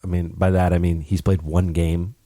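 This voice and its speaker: A man's voice: low-pitched, level tone, normal speed, dark tone, no room sound, studio quality. A young man hosting a casual hockey podcast, telling stories with animation and mimicking people. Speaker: podcast host.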